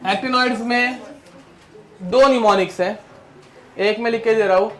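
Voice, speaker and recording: A man's voice: high-pitched, normal speed, fairly bright tone, a little hiss or hum. A man teaching chemistry to a class, drilling mnemonics and scolding students who turn around, in with a tinge. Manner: drills mnemonics, scolds students, Hindi mixed with English terms. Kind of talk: classroom lecture.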